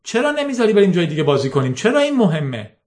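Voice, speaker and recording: Male reader doing a fierce teen girl, high and strained, audiobook. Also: very animated. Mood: tearful. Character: teenage girl gamer, fierce and upset. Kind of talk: audiobook reading.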